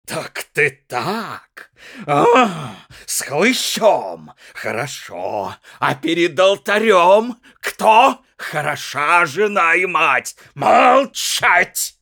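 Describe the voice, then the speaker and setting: A slightly drunk, bullying husband bellows at his wife, as a male reader puts him on. His voice climbs far above a normal speaking pitch into loud, strained yells. He drags out his threats slowly, ranting without letup. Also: expressive, dry recording, studio quality, exaggerated voice. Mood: raging. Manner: shouting, berating, high strained yells. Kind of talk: dramatic audiobook reading.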